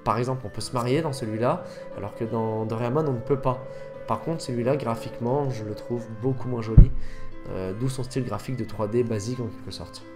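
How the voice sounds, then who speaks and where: A man's voice: mid-range voice, fairly quick, music in the background. A man chatting casually over gameplay, rambling and often correcting himself mid-sentence. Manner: rambling, self-correcting, fillers. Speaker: gaming youtuber.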